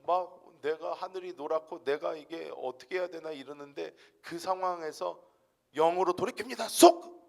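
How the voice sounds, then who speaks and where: A male pastor preaching a sermon in a church, dramatic, dropping to whispers and rising to shouts. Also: high-pitched, vocal fry. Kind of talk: Friday night sermon.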